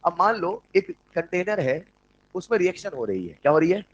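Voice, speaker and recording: A man teaching chemistry in an online class, with an Indian accent when he switches to English, who dictates notes slowly and jokes with his students. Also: sits high, sing-song, dull audio. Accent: Indian English mixed into Hindi.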